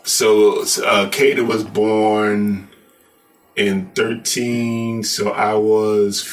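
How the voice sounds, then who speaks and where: A man's voice: lowish voice, level tone, very slow, distant mic, low-quality recording. A man around fifty from New York, co-hosting a podcast with his wife and telling family stories in a laid-back way, laughing as he goes. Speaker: co-host, husband. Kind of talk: casual storytelling chat.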